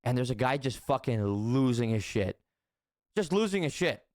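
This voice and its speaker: A man's voice: mid-range voice, sing-song, normal speed, a little mellow, dry recording, studio quality. A young man casually telling stories, swearing often, repeating his phrases and laughing as he talks. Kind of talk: casual storytelling chat.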